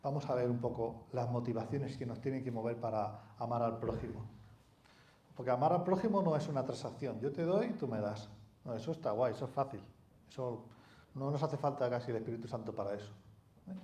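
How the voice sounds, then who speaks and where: A male preacher delivers a sermon in a chatty, conversational way, often throwing rhetorical questions at his congregation. His voice is mellow and sits at a middle pitch. He is heard in a roomy, echoing church hall. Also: a little fast. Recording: echoey hall.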